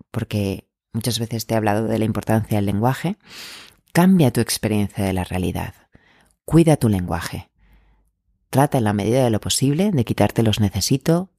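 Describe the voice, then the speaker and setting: A man working as an anxiety coach, giving calm self-help advice in a gentle, measured, encouraging way. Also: medium pitch, dry recording, clean studio sound.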